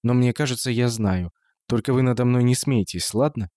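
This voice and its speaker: A man voicing a gentle, timid young wife who speaks softly and hesitantly. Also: medium pitch, moderate pace, dry recording, studio quality, natural voice. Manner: soft and hesitant.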